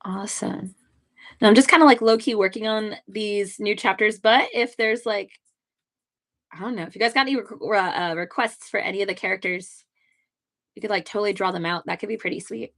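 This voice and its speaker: A woman's voice: mid-range voice, fairly quick, a bit bright. A young woman, a webcomic artist, chatting casually and giddily on a livestream while she draws. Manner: bubbly, giddy, chatty.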